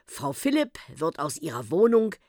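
A woman's voice: fairly low pitch, big pitch swings, moderate pace, a little mellow, dry recording, clean studio sound. Woman doing an awkward, formal uncle. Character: awkward middle-aged uncle.

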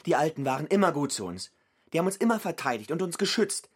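An angry big brother yelling in a radio drama, husky, voice jumping all over. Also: male voice, a little high, big pitch swings, fast. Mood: furious. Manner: angry, scolding, shouting. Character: furious older brother, protective of his parents.

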